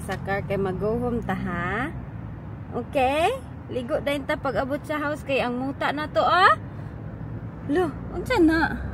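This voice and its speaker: High-voiced woman coaxing a pet. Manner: playful coaxing and scolding, baby talk. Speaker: vlogger. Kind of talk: casual chat with a pet. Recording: noisy, with a vehicle heard behind.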